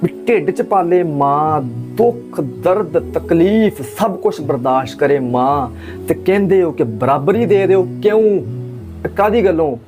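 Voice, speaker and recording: A man from Pakistan giving an impassioned religious talk, driving points home with rhetorical questions and emphatic repetition. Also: on the high side. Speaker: religious speaker.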